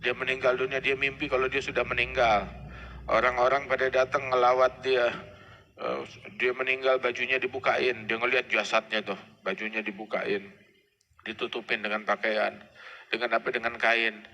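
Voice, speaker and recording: Preacher with gravelly voice. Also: male voice, medium pitch, flat delivery, normal speed, bright, forceful tone. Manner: conversational, acts out dialogue. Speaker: Islamic preacher. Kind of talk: sermon storytelling. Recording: reverberant hall with faint noise.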